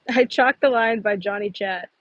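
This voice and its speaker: Chatting with her viewers on a livestream from a phone mounted on a gimbal, a somewhat thirsty woman giggles and uses lots of fillers. She has a mid-range voice and speaks a little slowly, in a dry, lo-fi recording.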